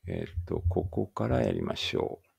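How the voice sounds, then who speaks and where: A man with a very low, gravelly voice leads a read-aloud English lesson. He takes his time over each English phrase, then follows it with the Japanese translation. The sound is dry and close, with no room around it. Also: huge pitch swings, moderate pace, a little mellow, no echo. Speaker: English teacher.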